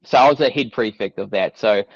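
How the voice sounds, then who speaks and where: Speaking a little fast in a lowish voice, a young New Zealand-accented fitness coach chats loosely as a podcast guest, filling gaps with "you know" and "like." The casual interview has no room sound and a dull, dry studio quality.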